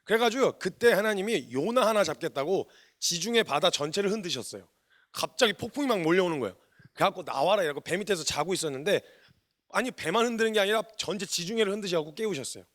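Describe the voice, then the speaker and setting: A man, a missionary preacher, giving a sermon in colloquial, animated storytelling style, acting out the quotes he tells. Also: high-pitched, fast talker.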